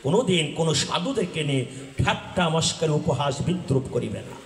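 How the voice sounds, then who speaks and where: A man, a folk religious storyteller who explains, quizzes his audience and bursts into shouts. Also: a little high, expressive, fairly quick, slight background noise. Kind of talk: devotional folk drama preaching. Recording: echoey venue sound.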